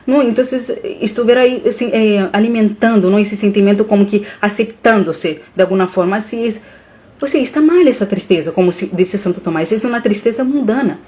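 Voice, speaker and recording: A woman holds forth on a live stream, drifting between Portuguese and as she goes. Her talk is animated and earnest, and at moments she is moved by her own words. Her voice sits at an ordinary middle pitch. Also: brisk. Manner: animated, mixes Portuguese and Spanish, emotional.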